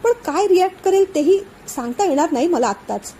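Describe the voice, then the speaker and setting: A woman reading a storybook voicing a worried, guilt-ridden young woman in love, speaking softly and anxiously. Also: very high voice, lively intonation, a little fast, slight background noise, low-quality recording. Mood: anxious, tender. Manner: soft, anxious, pleading.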